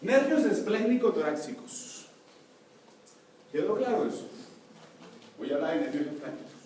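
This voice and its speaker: Guy teaching anatomy class, mellow voice, heard from across a big echoey room. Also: sits high, very animated, moderate pace. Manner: explains step by step, asks the class to confirm. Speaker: anatomy lecturer. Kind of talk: university lecture. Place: lecture hall. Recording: echoey hall from far off, faint noise.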